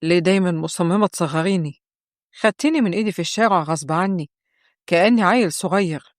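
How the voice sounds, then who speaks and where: A woman's voice: lowish voice, fast, no room sound, clean studio sound, natural voice. A woman with an Egyptian accent voicing a sulky, defensive teenage boy in a told story. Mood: defiant. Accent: Egyptian Arabic. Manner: sulky, protesting.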